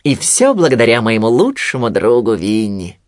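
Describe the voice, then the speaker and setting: A man's voice: mid-range voice, huge pitch swings, normal speed, no echo, clean studio sound. A man voicing a fussy, busy male rabbit in a storybook, chatty and a little bossy. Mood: chirpy.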